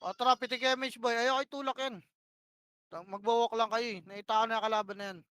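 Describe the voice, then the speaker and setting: During an online game, a woman shot-calls for her team live, bossy and profane, firing off short, repeated commands. Her fairly high, fairly bright voice is fast and steady, recorded with clean studio sound and no room ambience.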